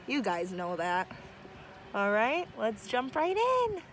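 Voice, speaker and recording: A woman teacher, slightly high in pitch, reads to a group of children from a picture book while outdoors near trees. She speaks slowly and warmly, interrupting herself with lively, chatty asides, over a faint hiss or hum.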